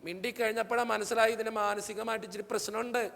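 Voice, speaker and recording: High-pitched gravelly priest. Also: male voice, fast. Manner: animated storytelling, acting out the people he quotes. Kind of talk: humorous motivational talk to young people. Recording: long hall reverb.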